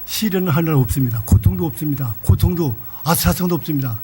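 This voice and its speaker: An older man preaching a sermon in a church, telling a story in a lively, folksy way. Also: on the high side, fast talker, slightly rough. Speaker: pastor.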